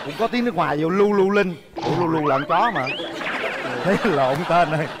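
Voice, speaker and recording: A man's voice: on the high side, lively intonation, a little fast, very noisy. A man co-hosting a dating show in a television studio, teasing the guests with joking banter and laughing often.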